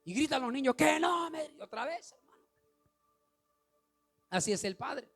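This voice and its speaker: High-voiced preaching man, animated. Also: normal speed, vocal fry, soft background music. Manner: animated preaching, rising to shouts, asks the congregation questions. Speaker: pastor. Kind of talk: sermon.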